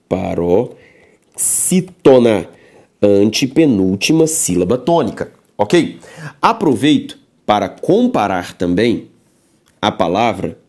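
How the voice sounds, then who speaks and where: A male grammar teacher delivers a recorded lecture with a lively, swooping voice that rises sharply on questions. He is emphatic, keeps checking in with the listener, and breaks words into syllables slowly. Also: lowish voice.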